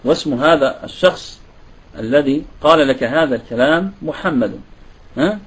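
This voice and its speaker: A man's voice: fairly high pitch, moderate pace, slightly rough, rough recording. A man giving a classroom grammar lesson, often asking students rhetorical questions. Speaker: Arabic grammar teacher.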